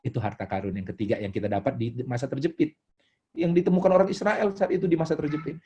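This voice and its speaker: Indonesian pastor with a warm, mellow voice. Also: male voice, medium pitch, fairly even intonation, fast, slightly rough, muffled recording. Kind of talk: sermon.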